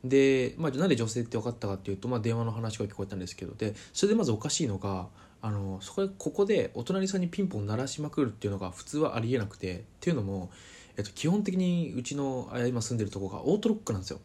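A man casually telling a personal story to camera, chatty and full of fillers, animated as he retells events. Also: medium pitch, very fast, breathy edge. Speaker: vlogger.

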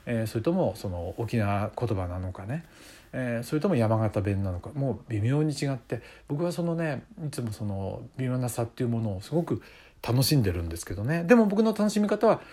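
A man's voice: medium pitch, warm tone. A middle-aged man hosting a casual solo talk show, musing in a conversational way with many fillers. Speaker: podcast host.

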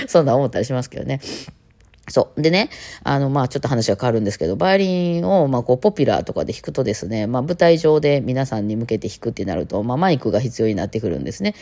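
A woman's voice: very deep voice, lively intonation, quick pace, a little mellow. A woman with a Kansai accent, a violinist, chatting casually and rambling on her own talk show, with playful mimicry. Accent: Kansai Japanese. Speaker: violinist and podcast host.

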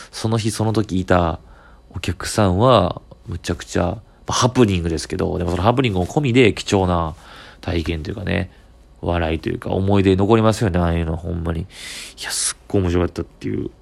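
A young comedian with a Kansai accent hosts his solo talk show, recorded close on the mic. His voice sits low and gravelly. He tells the story with animated energy and acts out each person's lines. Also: fast talker. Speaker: comedian podcast host.

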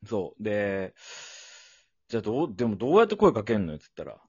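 A man from Fukuoka telling animated stories and chuckling often in a casual podcast chat. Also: on the low side, fast talker, breathy edge, dry recording. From Fukuoka, Japan. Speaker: podcast co-host. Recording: dull lo-fi dry audio.

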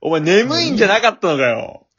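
A husky-voiced man hosts a casual chat, teasing his guests in a playful, joking way. His pitch swings widely and sits a touch high. The recording sounds dull and lo-fi. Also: wildly swooping pitch, a little fast, crowd noise. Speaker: podcast host.

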